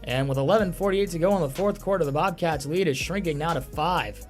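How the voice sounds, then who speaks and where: A man calling live lacrosse play-by-play as a commentator, given to excited shouted goal calls. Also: on the high side, brisk, soft background music.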